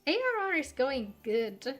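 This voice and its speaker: Her high-pitched, slightly bright voice stays very animated but measured in pace as she talks on her live game stream. Music plays behind her while she mixes casual chat with reading game dialogue aloud.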